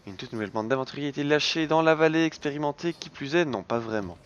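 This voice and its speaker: In a casual let's play, a male host reads the game's text aloud and adds dry little quips. His voice is a little high, animated and fast, with a clean tone and the highs cut off.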